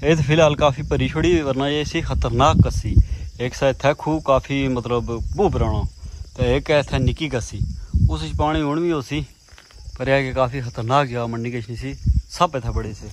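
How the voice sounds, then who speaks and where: A man chats loosely to his viewers, recorded outdoors on farmland. His pitch sits in an ordinary middle range for a man. He wanders from point to point, often circling back through the same filler phrases. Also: steady tone, normal speed, noisy background. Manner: rambling, chatty, leans on filler phrases. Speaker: vlogger. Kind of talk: casual vlog chat while doing garden work.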